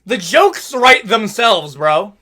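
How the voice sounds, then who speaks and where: Animated high-voiced male fight commentator. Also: slow pace. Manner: animated, joking, says "okay?" and "bro" often. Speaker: MMA commentary YouTuber. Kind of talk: casual fight recap commentary.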